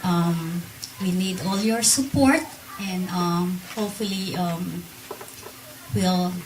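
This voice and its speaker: A middle-aged woman speaks slowly and a little low, hesitating with frequent ums as she gives an installation speech. She is picked up from a distance, with faint room noise underneath. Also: a little mellow. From Philippines. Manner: hesitant, many ums, unscripted. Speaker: incoming board member.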